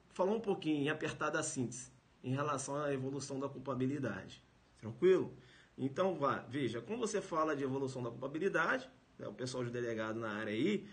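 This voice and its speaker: Emphatic brazilian law teacher streaming. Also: male voice, medium pitch, fairly bright tone. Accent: Brazilian Portuguese. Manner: emphatic, repeats phrases, asks tag questions. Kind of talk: live-streamed lecture.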